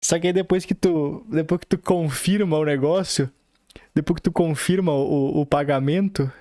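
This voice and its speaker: Man, Brazilian accent, podcast host, casual storytelling, rambling with fillers, slightly high voice, dry recording. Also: normal speed, warm tone, no room sound. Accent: Brazilian Portuguese. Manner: rambling, slangy, full of fillers and quoted dialogue.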